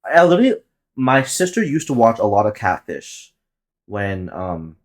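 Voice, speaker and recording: This soon-to-be-twenty podcast host, a native Tagalog speaker, has a fairly low voice with a sing-song lilt and talks at a normal speed. Alone at the mic, he rambles casually, swears plenty, and cracks himself up.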